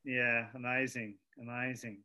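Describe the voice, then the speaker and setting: A man's voice: mid-range voice, flat delivery, a little slow, sharp tone. A man hosting an interview, asking questions and affirming his guest with brief interjections. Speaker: interviewer, host.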